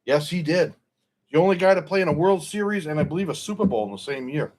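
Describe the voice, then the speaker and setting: A man's voice: a little high, expressive, quick pace, a little mellow. A middle-aged man hosting a stream, chatting casually about football in a rambling, opinionated way and often correcting himself. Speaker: stream host.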